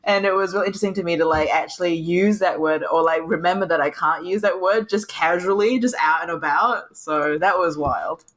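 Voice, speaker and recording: A woman's voice: on the low side, a little fast, hardly any pauses. Aussie woman chatting on a podcast, acts out what people said, swears a lot. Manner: animated storyteller, acts out quotes, swears freely. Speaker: podcast co-host. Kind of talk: casual chat.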